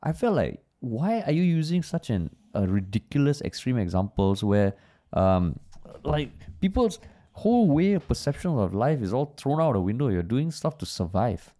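A man's voice: mid-range voice, big pitch swings, moderate pace, mellow. A man with a Singaporean accent in a casual, opinionated podcast discussion, speaking colloquial Singlish with particles and casual swearing. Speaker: podcast co-host.

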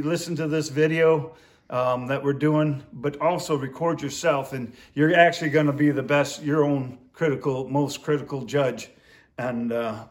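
A man instructing in duck calling, explaining his technique step by step in an informal, hands-on way. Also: a little high.

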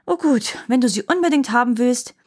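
A woman's voice: a little high, animated, brisk, pitched above the performer's own voice. A woman voicing a group of sly, pretty female elves in a fairy tale, sweet and coaxing.

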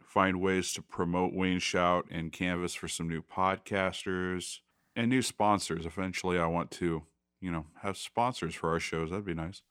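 Man, very low voice, podcast co-host, dry humor, dry studio sound. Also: fairly even intonation, normal speed, a bit bright, smooth, dry recording. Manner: easygoing, dryly joking. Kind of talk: casual chat.

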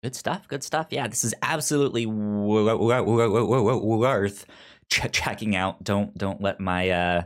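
Hosting a casual podcast at a slightly slow pace, this man speaks with a lowish voice. He is easygoing and filler-laden, frequently repeating the first sounds of words in a stutter.

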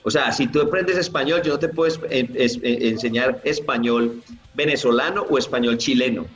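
A man who teaches English, answering interview questions in a lively way and acting out the people he quotes. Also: moderate pace. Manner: animated, acts out quoted people with big pitch jumps. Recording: roomy, slightly dull, faint music behind.

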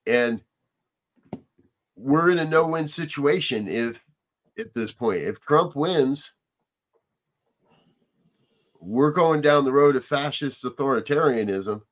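Brief: male talk show host, earnest, chatty, laughs easily. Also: medium pitch. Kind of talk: casual chat on current events.

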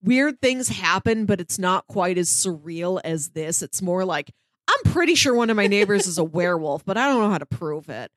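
A podcast co-host, this woman chats casually and with enthusiasm, recommending audio dramas in a discursive, conversational review. Her lowish voice has lively intonation and runs at normal speed. There's no echo on the recording.

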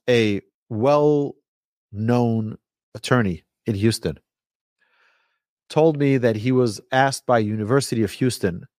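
Animated man giving a religious lecture. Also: medium pitch, dry recording, clean studio sound. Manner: emphatic, rhetorical questions, deliberate repetition. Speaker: rabbi teaching a class. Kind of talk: lively religious lecture with storytelling.

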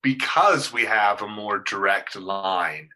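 A man's voice: on the low side, takes it slowly, bright, forceful tone, low-quality recording. A male pastor in casual discussion, talking hesitantly with many fillers and restarts.

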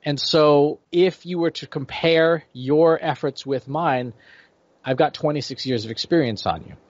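A man's voice: fairly high pitch, unhurried, no room sound. Man in his forties, explaining with "right?" checks. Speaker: guest expert. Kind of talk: explanatory interview answers. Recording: dry, slightly dull lo-fi audio.

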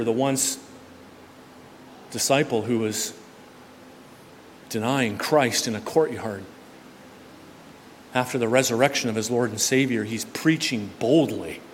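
A male pastor preaching a sermon in a church, conversational in tone, swinging between loud emphatic lines and hushed quiet ones. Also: mid-range voice. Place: church sanctuary. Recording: long church reverb with faint room noise.

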